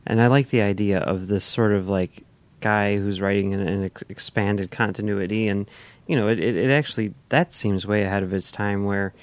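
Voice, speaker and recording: A man's voice: fairly low pitch, fairly even intonation, moderate pace, dry recording. A man co-hosting a casual podcast discussion, talking in a hesitant way with many restarts. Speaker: podcast co-host.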